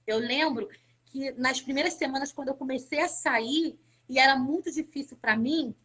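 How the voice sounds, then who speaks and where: A woman from Brazil with a high, bright-sitting voice gives a personal faith testimony as a live-stream guest. She speaks fervently and repeats words to drive her points home. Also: moderate pace, breathy edge.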